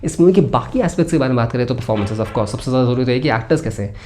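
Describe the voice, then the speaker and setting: A man with an Indian accent hosts a film review, explaining his points conversationally and slipping into English phrases along the way. His medium-pitched voice is mellow and relaxed even though he talks at a racing pace, with slight background noise.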